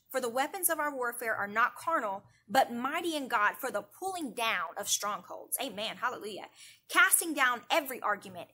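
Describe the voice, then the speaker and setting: Bright-voiced woman preaching. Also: on the high side. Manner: earnest, repeats phrases for emphasis, rising into prayer. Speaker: youth director. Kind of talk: devotional talk. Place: indoors, online church broadcast.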